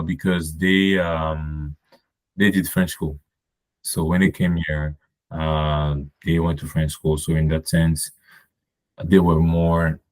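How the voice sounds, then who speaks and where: A man from Cameroon appears as a podcast guest, speaking in an extremely low, slightly mellow voice. He talks casually and rambles, with many fillers and restarts.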